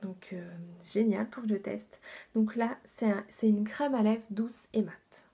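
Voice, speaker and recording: A woman's voice: mid-range voice, fairly even intonation, unhurried, warm tone, breathy edge. A woman reviewing her makeup haul in a chatty, enthusiastic way, with many fillers and asides that drop to a half-whisper. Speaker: beauty vlogger.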